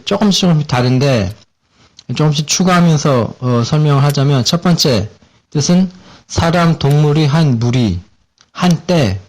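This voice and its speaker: Relaxed Korean man teaching vocabulary. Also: a little high. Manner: relaxed, many fillers, repeats words while explaining. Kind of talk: casual explanatory lesson.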